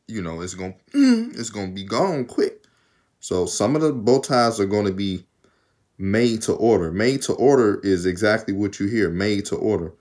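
With a fairly low, darkish voice and a slight Southern accent, a young man vlogs casually into a phone held at arm's length in a small room. Worn out a bit from undoing his braids, he rambles and laughs often.

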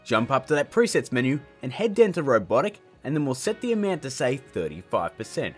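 With soft music behind him, a thirtysomething tutorial host delivers a casual scripted lesson in a brisk, sing-song, slightly rough voice of medium pitch. He plays it jokey, theatrical and emphatic.

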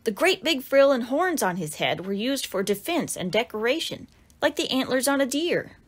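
Storybook narration fills this clip as a woman reads her own children's book aloud, adding dramatic exclamations for young listeners. Her voice is a little high, and she keeps a moderate pace.

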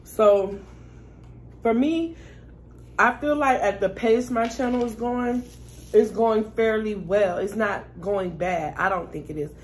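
Speaking slowly in a mid-range voice, this woman vlogger talks to her audience between bites of a meal in a relaxed, chatty mukbang style. A bit of background noise can be heard.

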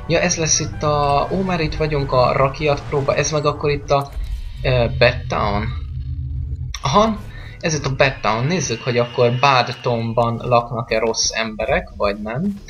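A man's voice: mid-range voice, fairly bright tone, faint music behind. A man giving casual, rambling let's-play commentary on a game, joking and chatting with the game's characters. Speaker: gameplay commentator.

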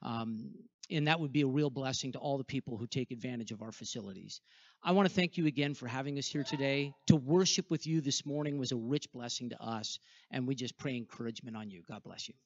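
A man's voice: medium pitch, quick pace, dry recording. Middle-aged male school rep, sincere and thankful, handheld mic, muffled dry audio. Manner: earnest, grateful. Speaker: school representative. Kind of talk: fundraising appeal to a congregation. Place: church sanctuary in front of a choir. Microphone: handheld microphone. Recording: dull, dry sound.

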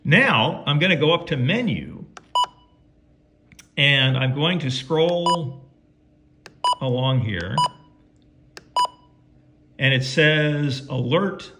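A man with a higher, animated voice drags out his words and leaves long pauses while casually guiding viewers through a how-to, talking himself through it in a folksy style. The clearly noisy, clicky recording was made at home beside a tabletop radio.

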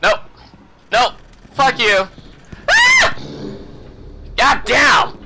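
Excitable swearing gameplay guy. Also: a little high, normal speed, slight background noise. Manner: excitable, profane, yelps and shouts in panic. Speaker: let's play host. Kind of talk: gameplay commentary.

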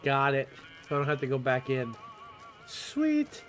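A man's voice: mid-range voice, sing-song, unhurried, fairly bright tone, faint music behind. A man hosting a gameplay video, casually thinking aloud as he plays. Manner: thinks aloud, echoes game dialogue. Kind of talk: casual game commentary.

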